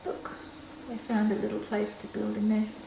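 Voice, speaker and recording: With a completely flat, creaky delivery and a dark tone, this older woman reads a picture book at a moderate pace in a medium pitch. She keeps the phrases short and talks to the children between lines, while the room echoes and faint noise lingers.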